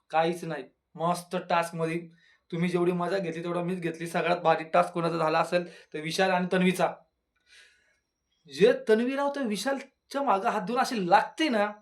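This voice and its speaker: Male reviewer, higher-pitched voice, playful casual delivery with singsong filler words; addresses the show's cast directly. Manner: playful and chatty, with jingly rhyming filler words; talks straight to the contestants. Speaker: YouTube reality show reviewer.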